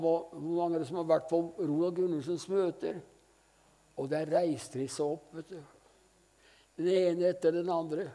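A man's voice: a little high, warm tone. An older man preaching a sermon at a church meeting, telling stories fervently and breaking in with frequent hallelujahs. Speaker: evangelist preacher.

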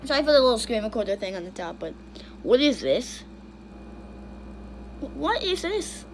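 A woman's voice: fairly high pitch, big pitch swings, normal speed, a little hiss or hum. A young woman casually commenting on funny videos, bursting into shrieks and then muttering to herself. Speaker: YouTuber reacting to videos.

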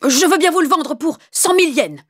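A woman voicing a greedy, cruel man in a storybook tale, speaking loudly, angrily and blusteringly. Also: sits high, expressive, normal speed, voice pushed up. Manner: loud, angry, blustering. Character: greedy cruel mean man, angry and grasping.

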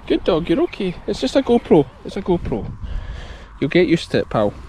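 Holding an action camera at arm's length, a thirtysomething Scottish sheep farmer with a broad accent talks casually to his child and sheepdog in an open field. His high, dark voice swoops wildly in pitch at a brisk pace. Outdoor field noise fills the recording.

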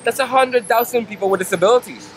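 A man's voice: extremely high pitch, quick pace. Earnest activist man on a busy street. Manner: earnest, insistent advocacy. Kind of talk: street interview. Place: city street outdoors with traffic. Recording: street traffic noise behind. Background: traffic and city ambience.

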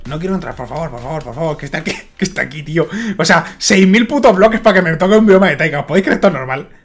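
Excitable gamer, wildly swinging pitch. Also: male voice, rapid-fire. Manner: excitable, swears a lot, jumps from mutters to loud shouts. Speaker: gaming YouTuber. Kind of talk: Minecraft let's play commentary.

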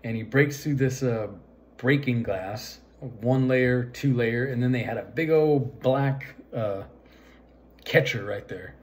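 A man's voice: medium pitch, slow pace. A man casually retelling a film's plot in a rambling way, full of fillers and "right?" asides. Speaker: vlogger.

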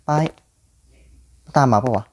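A young man giving jumpy, excitable commentary on a horror game, often repeating words when startled. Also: takes it slowly. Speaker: gaming YouTuber.

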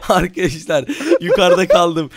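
A man hosting a Minecraft let's play, loud and excitable, constantly talking to his viewers. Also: sits high, unhurried, background noise. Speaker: gaming YouTuber host.

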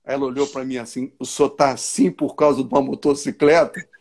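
A man's voice: medium pitch, fairly quick. A man with a Rio de Janeiro accent, telling a long story on a video call as an interview guest and acting out each person in it. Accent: Rio de Janeiro Portuguese. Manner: animated, acts out dialogue with voices. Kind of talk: casual storytelling.

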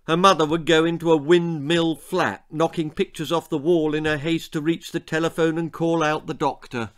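In a small, book-lined room, a British man in his sixties reads his own children's story with theatrical flair, savoring every grotesque detail. His voice is a little high and fairly bright, with fairly even intonation and a moderate pace.

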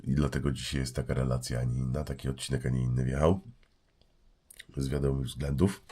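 Stream host, man, very low husky voice, blocked nose, laid-back joking chat from a home desk mic. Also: fairly even intonation, a little fast, dark tone. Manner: loose, joking, greets chat by name. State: stuffy nose from a cold. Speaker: livestream host. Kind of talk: casual livestream chat.

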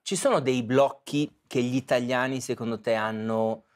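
A man's voice: mid-range voice, steady tone, moderate pace. A man interviewing his guest, a psychologist asking careful, probing questions. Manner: attentive, asks probing questions. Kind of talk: interview conversation.

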